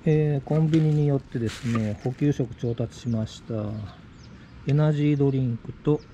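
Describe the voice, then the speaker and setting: This cycling vlogger talks quietly to himself at normal speed in a mid-range voice while out on the road and riding his bike. Road noise and passing cars can be heard.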